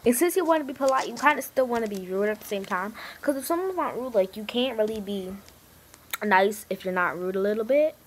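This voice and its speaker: A female vlogger riffs in a slangy, chatty comedy style. Her voice sits on the high side and leaps up and down with lively pitch. A faint hiss runs under the recording. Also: a little fast. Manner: chatty, slangy, animated storytelling. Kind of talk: casual comedy vlog.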